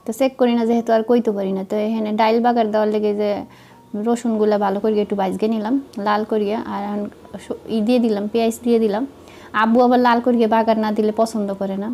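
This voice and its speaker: A young woman with a Madaripur Bengali accent, chatting to viewers while she cooks, slightly hoarse from a cold and making fun of herself. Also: on the high side, little pitch movement, fast talker, dark tone. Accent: Madaripur Bengali dialect. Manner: chatty, self-mocking, talks to viewers while cooking. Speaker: vlogger. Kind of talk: casual cooking vlog narration.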